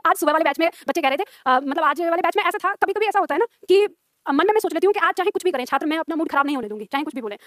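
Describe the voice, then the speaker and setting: Fast, high-voiced woman teacher. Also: expressive, a bit bright, dry recording, studio quality. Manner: chatty, laughing, addresses students directly. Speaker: Hindi teacher. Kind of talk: live classroom lesson chat. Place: classroom with students.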